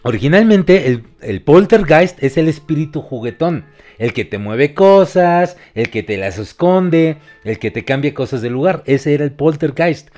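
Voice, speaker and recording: A man's voice: on the high side, animated, normal speed, a little mellow, soft background music. A man with a Mexican accent, co-hosting a casual chat and explaining things in a loose, talkative way with the odd swear word. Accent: Mexican Spanish. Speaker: co-host.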